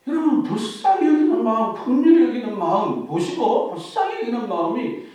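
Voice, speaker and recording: A male pastor preaching a sermon, putting rhetorical questions to his congregation and dropping to a hush for quoted words. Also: very high-pitched, brisk, very echoey, recorded from a distance, low-quality recording. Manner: animated preaching, softening to a hush when quoting Jesus.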